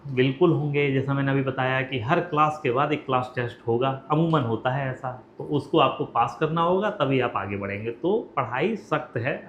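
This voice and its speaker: A man explaining things directly to students and parents, asking common questions and answering them plainly. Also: medium pitch. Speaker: education consultant. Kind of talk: explanatory talk to camera. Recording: roomy, dull lo-fi sound with faint hiss.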